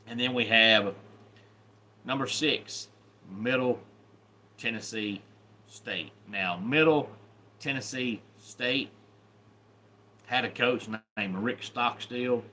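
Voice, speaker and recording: A man with a Southern US accent and a mid-range voice, bright and forceful, talks slowly with frequent pauses. Hosting a casual YouTube live stream, he greets viewers by name in a folksy, welcoming manner.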